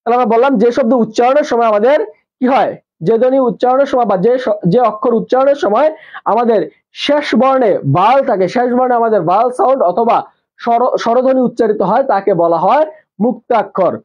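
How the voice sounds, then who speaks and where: A man who teaches nursing admission prep runs a live online class, posing questions to his students, answering them himself, and repeating the key terms. His voice is very high-pitched with a darkish tone, and he speaks briskly. The recording sounds muffled.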